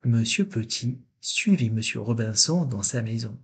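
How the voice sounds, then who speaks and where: A man reading a children's storybook aloud in a slow, gentle storytelling manner. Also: medium pitch, lively intonation, husky. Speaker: storybook reader.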